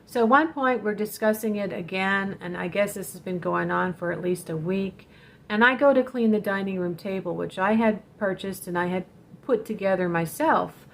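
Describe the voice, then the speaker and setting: A woman's voice: mid-range voice, moderate pace, creaky, slight background noise. A woman hosting a vlog, telling a personal story in an earnest, direct way and warning her viewers. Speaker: spiritual channel host telling a personal story.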